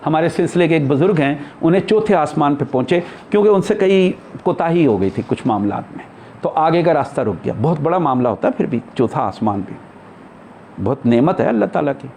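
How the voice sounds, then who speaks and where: A spiritual teacher lectures a class in a conversational religious discourse, explaining ideas and posing rhetorical questions. His darkish voice is on the high side, lively and a little fast, with slight background noise.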